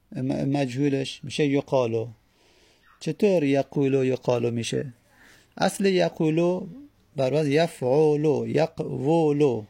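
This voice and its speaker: A man giving a lecture on grammar, asking questions and answering them himself, and stretching out each word form slowly syllable by syllable. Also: mid-range voice, creaky, dark tone. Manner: drawn-out syllable-by-syllable spelling of word forms. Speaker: Arabic grammar teacher. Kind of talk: classroom lecture on Arabic morphology.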